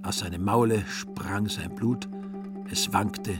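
A man narrating a radio play in a calm, ironic storytelling manner. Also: lowish voice, slow, over loud music.

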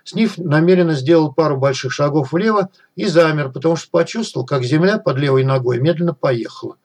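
Middle-aged male audiobook reader, husky tone, even read with light character voicing. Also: fairly high pitch, a little fast. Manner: reads dialogue with small raised voices for characters. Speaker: audiobook narrator. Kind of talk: scripted narration.

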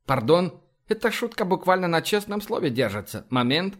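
A man's voice: sits high, very animated, normal speed, voice pushed up. A man voicing a grumbling, put-upon male ship technician in a sci-fi audiobook, with a whiny, complaining manner. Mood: grumbling, offended.

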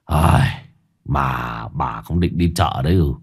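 A man voicing an old village husband, slow, deliberate and moralizing. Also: a bass voice, husky, pitched below the performer's own voice, heavily acted. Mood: teasing.

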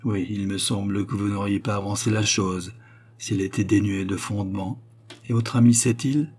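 A man's voice: lowish voice, fairly even intonation, moderate pace, a little mellow, close to an everyday voice. A man voicing a young noble grand duchess, earnest and anxious, speaking with a raised, emotional voice. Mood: composed.

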